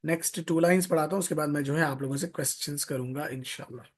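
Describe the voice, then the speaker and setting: Teaching Quran recitation live online, a man with a slightly high voice speaks at a quick pace. His slow, drilled tajweed lesson repeats each word several times, lengthens the long vowels and includes English teaching terms.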